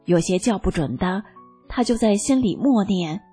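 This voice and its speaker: A woman reading a first-person testimony aloud as scripted narration, in a slow, calm and even manner. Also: medium pitch, husky. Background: faint background music.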